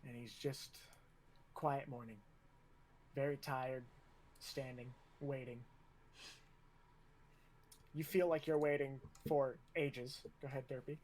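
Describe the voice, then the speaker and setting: A man's voice: mid-range voice, fairly even intonation, slow pace, pauses often, a little mellow. A man narrating a tabletop game as game master, casual and laughing, with plenty of fillers.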